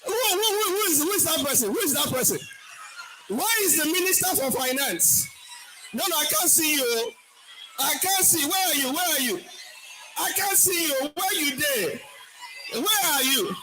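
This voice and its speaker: A man with a Nigerian accent giving a lively motivational talk to a hall of young people, firing questions at the audience. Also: very high voice, normal speed, over loud music. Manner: energetic, call-and-response with the crowd, shouting questions. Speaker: motivational speaker.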